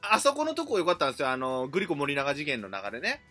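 Kansai guy ranting on a comedy podcast, swings his voice all over, bright and a bit husky, faint music behind. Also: on the high side, fast. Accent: Kansai Japanese. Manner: animated, acts out quoted lines with loud jumps. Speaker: podcast co-host. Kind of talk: casual comedy podcast chat.

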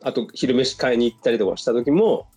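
A man's voice: mid-range voice, expressive, a little fast, darkish tone, slightly rough, faint music behind. A man hosting a casual conversation, inquisitive and responsive to the others. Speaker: conversation host. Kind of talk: casual chat.

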